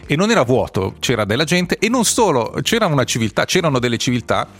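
A man hosting a radio show, talking in a chatty, opinionated way with quick asides. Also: medium pitch, sing-song, fairly bright tone. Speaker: radio host. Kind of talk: casual radio chat.

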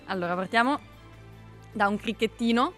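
A woman's voice: a little high, normal speed, a bit bright. A woman, a car mechanic, explaining things casually as an interview guest. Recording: music playing behind the voice.

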